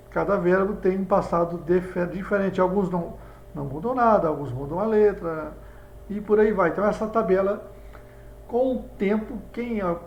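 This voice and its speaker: A man's voice: sits high, gravelly, highs cut off. A man with a Brazilian Portuguese accent, teaching English in a video lesson and walking students through examples. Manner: explanatory, talks students through examples on a board. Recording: echoey room with faint background hum.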